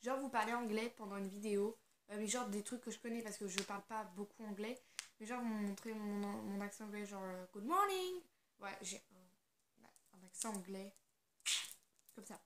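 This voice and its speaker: A woman's voice: mid-range voice, little pitch movement, moderate pace, a little hiss or hum. A teenage girl chatting casually in a makeup vlog, giggly and full of fillers. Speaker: beauty vlogger.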